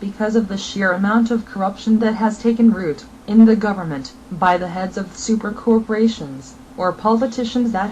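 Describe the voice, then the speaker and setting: A woman's voice: mid-range voice, a little mellow, muffled recording. Woman reading a scripted message, faint noise. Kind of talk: scripted political message narration.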